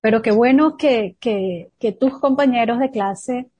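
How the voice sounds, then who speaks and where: A woman's voice: fairly high pitch, a little slow, a little mellow, husky. A woman interviewer asking questions and responding supportively in formal phrasing.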